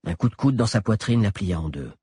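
A man narrating an audiobook with an expressive, dramatic delivery. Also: on the low side, brisk, husky, dry recording, studio quality.

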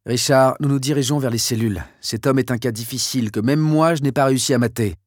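A man voicing a gruff, blustering army general who gives orders and loses his temper, for an audiobook. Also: mid-range voice, no echo, clean studio sound, close to an everyday voice. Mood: stern. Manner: commanding, quick to explode. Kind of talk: audiobook character voice.

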